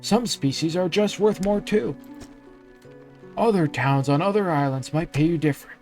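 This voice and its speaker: A man doing a gruff old fishmonger. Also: a little high, moderate pace, darkish tone, soft background music, voice pushed up, close to an everyday voice. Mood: grumbling.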